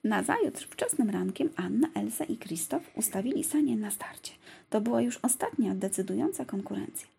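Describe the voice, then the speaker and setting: A woman reads a children's storybook aloud in a gentle, lively way. Her voice is very husky and dark, with a gravelly fry, and her pitch moves about a lot. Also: moderate pace. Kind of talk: storybook narration.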